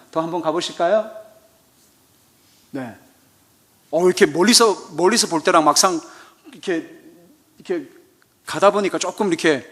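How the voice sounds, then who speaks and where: A man's voice: on the high side, a bit bright. A man preaching a sermon as a missionary, telling a story and acting out church members' chatter with humor. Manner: humorous, asks the audience "그죠?". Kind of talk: sermon at an evening church service. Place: church sanctuary.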